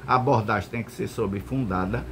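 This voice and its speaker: A man's voice: a little fast, noisy background. An older man explaining the law in a casual, emphatic way. He repeats himself and keeps checking that the listener follows. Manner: emphatic, repetitive, keeps asking "entendeu?" and saying "meu irmão"; lively swings in pitch, mock-stern asides. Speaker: law lecturer answering viewer questions.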